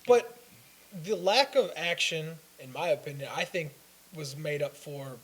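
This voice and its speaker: A man's voice: fairly high pitch, animated, measured pace, a bit bright, rough recording. A young man co-hosting a casual fan talk show, rambling through his opinions with restarts. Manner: rambling, hesitant with fillers and restarts. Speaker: co-host. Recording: faint hiss.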